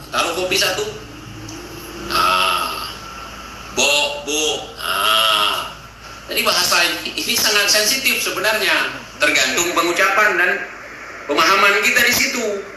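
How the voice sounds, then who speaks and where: Man, fairly high voice, animated casual explainer, booming echo and background noise. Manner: lively, emphatic, repeats words with frequent "nah". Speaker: explainer of Acehnese language. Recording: very echoey room with noise.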